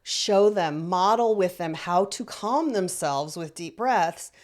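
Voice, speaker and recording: A woman's voice: fairly low pitch, takes it slowly. A middle-aged woman giving parenting advice, encouraging, repeating her points and checking in with the listener. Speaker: parenting coach. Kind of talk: instructional talk to parents.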